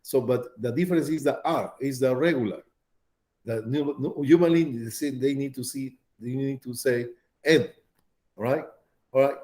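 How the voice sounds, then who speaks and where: Mellow-voiced man lecturing a class. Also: mid-range voice, moderate pace. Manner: repetitive, checks in with students often. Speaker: pharmacology lecturer.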